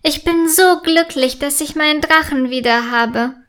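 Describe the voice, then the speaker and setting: A woman voicing an eager, excitable little girl in a children's story, talking with bright, breathless excitement. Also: high-pitched, takes it slowly. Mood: excited.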